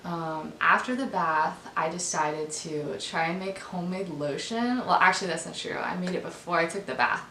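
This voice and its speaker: Young female vlogger, raspy and on the low side, casual informal delivery, faint rumble in the recording. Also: moderate pace, hardly any pauses, pushed and bright, reverberant. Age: young adult. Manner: informal, frequent "like". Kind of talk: casual chatty vlog narration.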